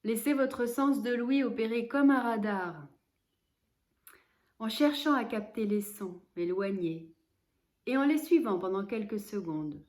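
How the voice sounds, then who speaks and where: Woman, slow and soft-spoken, guided relaxation read with long pauses. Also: fairly high pitch. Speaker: yoga nidra guide.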